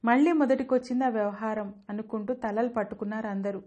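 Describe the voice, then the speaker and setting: Woman audiobook narrator, higher voice, steady expressive storytelling, dull lo-fi recording. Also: fast.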